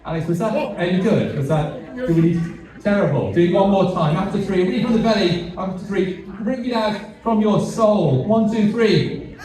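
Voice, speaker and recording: A British man with a voice that sits high speaks in an echoey hall, crowd noise audible. He's a charity CEO giving a fundraiser speech with light humour in a large event hall, halting, repeating words, and self-deprecating, the mic heard from a distance.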